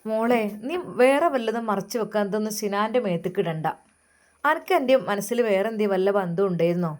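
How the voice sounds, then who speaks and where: A woman voicing an older mother-in-law, talking low and soft in a coaxing, guilt-tripping way. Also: a little fast, lightly acted. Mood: scolding.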